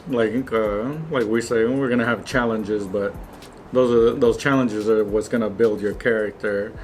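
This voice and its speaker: A man's voice: lowish voice, steady tone, moderate pace, a little mellow, faint music behind. Laid-back man giving easygoing vlog advice. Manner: laid-back, joking, uses slang. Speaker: vlog co-host. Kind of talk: casual chat while eating.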